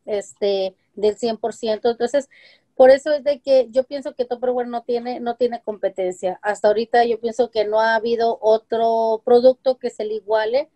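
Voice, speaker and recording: Her slightly high, mellow voice holds a steady tone at a moderate pace. She's a home-business seller in her forties, talking casually as a guest on a webcam video call in a room with shelves of colorful containers, and she explains with many examples and frequent "este" and "eh" fillers.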